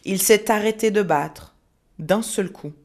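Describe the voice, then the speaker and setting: A woman's voice: mid-range voice, a little mellow. Grave woman narrating a true-crime story. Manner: measured, grave storytelling with dramatic pauses.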